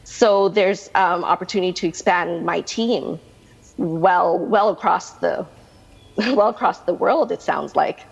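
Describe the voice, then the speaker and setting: A Canadian woman in her thirties talks through her answers with lots of fillers and restarts. Her low voice is husky with a gravelly fry. The recording is dull and lo-fi, with a long hall-like reverb. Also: unhurried. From Canada, Manitoba. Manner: chatty, rambling with many restarts and fillers. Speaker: guest, realtor. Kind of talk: interview answers.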